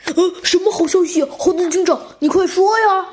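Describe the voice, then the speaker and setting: A woman doing an excitable squeaky chick cop. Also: normal speed. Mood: eager. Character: eager little male chick police officer.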